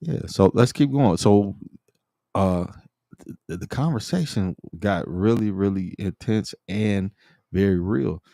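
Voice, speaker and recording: A man hosting a podcast, relaxed and friendly, asking questions and reading out viewer comments. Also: lowish voice, takes it slowly, vocal fry, no room sound, studio quality. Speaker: host.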